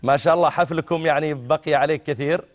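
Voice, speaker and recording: A man's voice: fairly high pitch, fairly even intonation, racing. A middle-aged man with a Saudi accent, a religious scholar answering callers in an avuncular way. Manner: avuncular, addresses callers as my son. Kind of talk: religious call-in advice.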